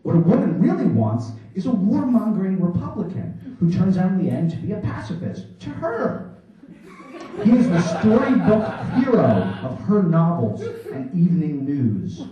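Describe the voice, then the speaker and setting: Before a laughing crowd in a small New York theater, a man performs his poems theatrically, mock-serious and declamatory, at a moderate pace. His fairly high voice is sing-song, rising and falling widely in pitch. A distant, dull mic captures the hall's heavy echo.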